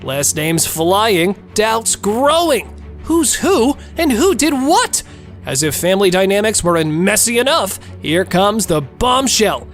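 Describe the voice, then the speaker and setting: A woman narrator with a medium-pitched, very animated voice delivers gossipy scripted recaps. She is cheeky and theatrical, with faint music underneath. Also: slow pace. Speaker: show narrator.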